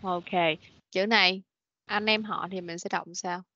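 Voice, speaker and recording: A woman's voice: fairly low pitch, steady tone, sharp tone, slight background noise. A woman teaching children English in an online class, patiently correcting pronunciation and repeating words. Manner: patient, repeats words slowly, frequent "rồi, ok". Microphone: video call meeting recording. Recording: dull, dry lo-fi meeting recording.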